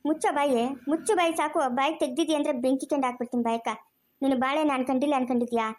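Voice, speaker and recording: A woman's voice: sits high, fairly even intonation, fast, lightly acted. An actress playing a furious mother who curses and berates her husband. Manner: scolding, cursing. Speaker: actor in a family drama.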